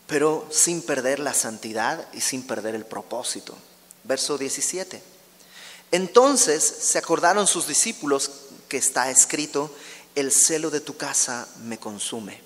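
A man's voice: on the high side, fairly bright tone, long reverb tail. A man teaching a verse-by-verse Bible study in a conversational way, often asking his listeners questions. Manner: conversational, asks the audience questions.

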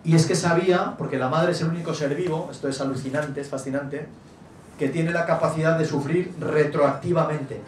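Animated middle-aged man, echoey hall. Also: a little high, fairly quick. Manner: animated, jokey, acts out quotes. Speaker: author guest. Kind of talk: relaxed storytelling talk. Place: event hall before an audience. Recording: echoey venue, distant mic, faint noise.

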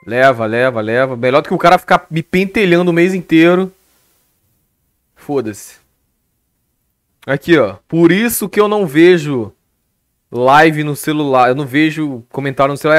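A slightly high, somewhat bright male voice with no room sound belongs to a young Brazilian on a live stream. Speaking with a Brazilian Portuguese accent, he rants casually through a story, swearing all the time and talking animatedly into his headset.

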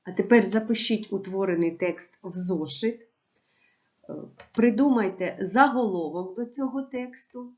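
A woman teacher giving a remote lesson to young pupils, with clear, measured instructions. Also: mid-range voice, darkish tone, highs cut off. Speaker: primary school teacher.

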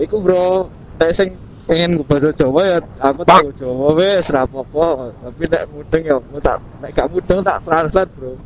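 On a motorbike winding through country roads, a Central Javanese-accented man vlogs in a chatty, joking way, talking to himself and laughing frequently. His voice is on the high side at a normal speed, and the rough recording is loud with wind and engine noise.

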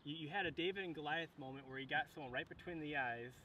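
A man's voice: on the high side, fast talker, pushed and bright. A young man interviewing an older guest outdoors, with short prompts and reactions, holding the mic toward his guest. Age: young adult. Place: outdoors on a bench. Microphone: handheld mic pointed at the guest, away from him. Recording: distant voice with clear outdoor noise.

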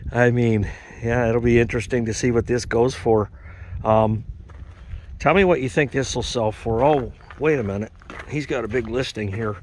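A man's voice: mid-range voice, moderate pace, a little hiss or hum. A man giving a casual, rambling walk-around commentary outdoors at a snowy equipment auction lot, talking into a handheld camera. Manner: relaxed, rambling, uses fillers. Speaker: farm equipment vlogger.

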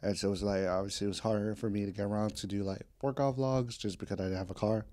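A vlogger in his twenties catches up casually with his audience on a podcast from home, rambling candidly, drifting between topics and using slang and the odd swear. His voice is fairly low, warm and fast, with fairly even intonation. The studio sound is clean with no room sound.

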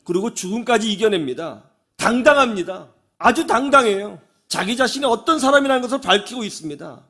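A male pastor giving a radio sermon, telling stories in an animated way and acting out the people he quotes. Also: extremely high pitch, a little fast, breathy edge. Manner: animated storytelling, acts out quoted voices. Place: radio studio.

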